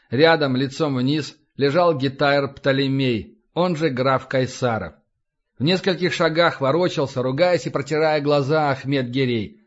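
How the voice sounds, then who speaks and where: A male audiobook narrator reading an action novel in a steady, even storytelling manner. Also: a little high. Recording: dull lo-fi audiobook recording.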